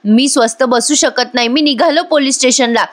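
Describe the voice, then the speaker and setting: A frantic, pleading old father who keeps asking anxious questions, as a woman puts him on. The voice stays high and strained, pressing urgently. He sounds desperate and restless. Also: moderate pace, lightly acted.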